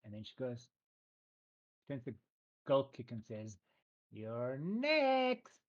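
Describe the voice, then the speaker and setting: A man's voice: mid-range voice, fairly even intonation, a little slow, dark tone, breathy edge, muffled recording. A man improvising narration as game master of a tabletop role-playing game, in a conversational storytelling style.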